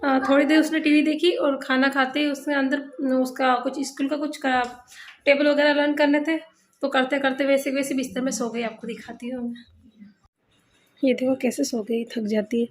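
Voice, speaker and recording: Mother-vlogger, woman, high bright voice, chatty and homely, recorded at home. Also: little pitch movement, moderate pace, slight background noise. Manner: chatty, scolds children gently. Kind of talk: casual home vlog chat. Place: home indoors.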